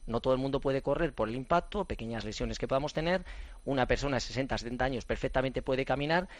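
A man's voice: mid-range voice, quick pace, no echo. Middle-aged spanish guy, ex runner coach, rambling chatty stories, dry close sound. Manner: chatty, animated storyteller with many fillers and restarts. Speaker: running coach and former athlete guest. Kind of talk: casual radio chat.

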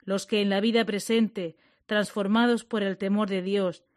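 A woman giving a measured, solemn liturgical reading. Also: medium pitch, fairly even intonation, no room sound, clean studio sound.

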